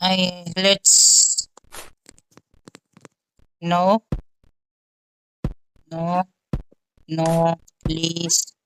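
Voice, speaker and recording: A woman's voice: fairly low pitch, flat delivery, extremely slow, pauses often, a bit bright, slight background noise, low-quality recording. A young woman hosting a gaming channel, thinking aloud through gameplay commentary in a muttering, exasperated way.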